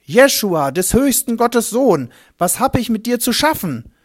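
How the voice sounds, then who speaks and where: A man voicing a tormented, possessed madman who cries out in a shrill, pleading voice. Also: wildly swooping pitch, measured pace, darkish tone, no echo, studio quality. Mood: frantic.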